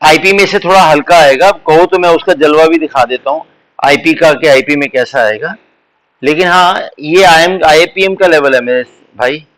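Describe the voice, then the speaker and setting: A man's voice: a little high, fairly bright tone, poor audio. A man teaching a live online exam-prep lesson, mixing Hindi and English and calling his students beta. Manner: mixes Hindi and English, addresses students as beta, slow deliberate explanations.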